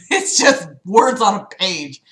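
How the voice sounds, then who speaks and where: Speaking at medium pitch and a slow pace, this livestream host sounds animated and fairly bright in a reverberant space. She reads a book aloud to mock it, chatting to viewers with sarcastic, fed-up remarks and offhand cursing.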